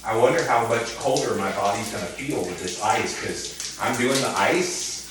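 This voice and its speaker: A lowish-voiced man vlogs from ice-cold water in an open hotel-bathroom shower, casually instructing viewers as part of a cold-water challenge. Heavy echo fills the recording, and a distant mic captures the noise of the running shower.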